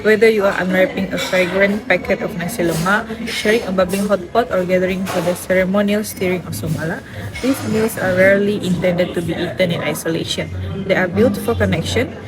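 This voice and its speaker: A woman's voice: lowish voice, a little fast, over loud music, rough recording. A young woman from Sarawak, reading a formal scripted narration. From Sarawak, Malaysia. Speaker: student presenter.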